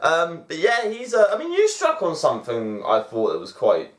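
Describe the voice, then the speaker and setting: A man's voice: on the high side, wildly swooping pitch, normal speed. A man co-hosting a casual chat show, enthusiastic, singing along and laughing often. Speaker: co-host. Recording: echoey room.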